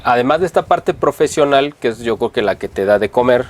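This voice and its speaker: A man's voice: medium pitch, animated, brisk, over a noisy crowd. Male interview host, mid voice, friendly rambling questions.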